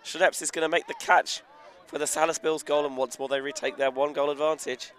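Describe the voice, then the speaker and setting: A man with a fairly high, steady voice gives brisk live commentary on a frisbee game, tracking the action in fluid present-tense calls that lift with the play. He's outdoors next to the field, and crowd noise, traffic and general outdoor ambience can be heard.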